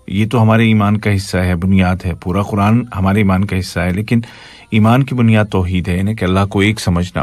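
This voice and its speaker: Slow, low-voiced man teaching recitation. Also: no room sound. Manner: explains slowly, then recites and corrects pronunciation word by word. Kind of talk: Quran recitation lesson.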